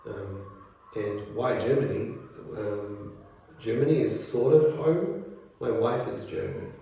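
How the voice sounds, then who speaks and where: Relaxed teacher from New Zealand. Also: male voice, fairly low pitch, slow pace, creaky. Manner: relaxed, rambling, many fillers. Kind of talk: casual interview answers. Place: school room. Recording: echoey room from far off.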